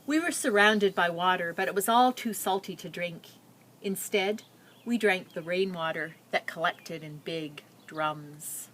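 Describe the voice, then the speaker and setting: Reading a picture book to young listeners, a woman narrates the story and pauses now and then to add simple explanations. Her voice is fairly low in pitch with a fairly bright tone.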